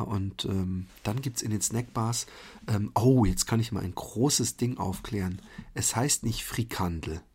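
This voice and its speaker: A man's voice: mid-range voice, gravelly, husky. A man from Germany hosting a podcast, talking in a chatty, rambling monologue full of fillers and restarts. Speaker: podcast host. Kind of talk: casual monologue.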